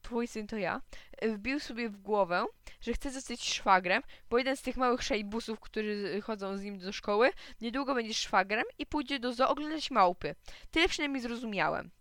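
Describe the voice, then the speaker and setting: Weary, irritable storybook dad, read by a woman, crisp bright voice. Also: a little high, normal speed, no room sound, lightly acted. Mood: exasperated. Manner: weary, exasperated. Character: tired irritable father wanting peace.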